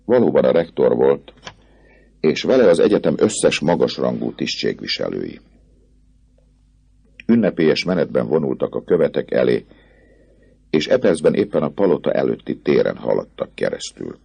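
Man, audiobook narrator, husky, lively intonation, measured storytelling. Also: very deep voice, highs cut off.

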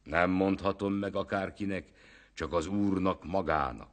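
A man's voice: sits low, pitched above the performer's own voice, close to an everyday voice. A man voicing a sly, bold poor peasant in a folk tale. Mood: insistent. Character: cheeky, down-to-earth poor male peasant.

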